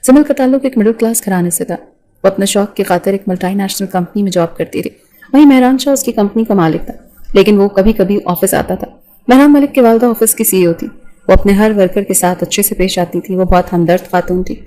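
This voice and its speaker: Mellow-voiced woman narrating a romance novel. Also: medium pitch, low-quality recording.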